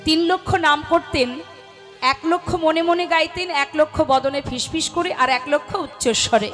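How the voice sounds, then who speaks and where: A woman's voice: high voice, normal speed, a bit bright. A woman kirtan singer giving a devotional sermon to a gathered audience, asking questions and answering them herself, often with light laughter. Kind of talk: devotional sermon between chants. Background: devotional music accompaniment.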